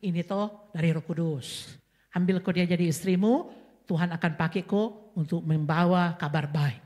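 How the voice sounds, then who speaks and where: A woman's voice: fairly low pitch, steady tone, moderate pace, mellow, pitched below the performer's own voice, natural voice. A woman with a Makassar Indonesian accent voicing a blunt, comforting angel of the Lord who gives plain everyday commands in local slang.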